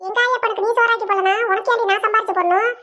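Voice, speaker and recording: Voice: extremely high pitch, fairly even intonation, very fast, pushed and bright. A voice actor playing a short-tempered village husband in a cartoon comedy, barking orders. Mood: furious.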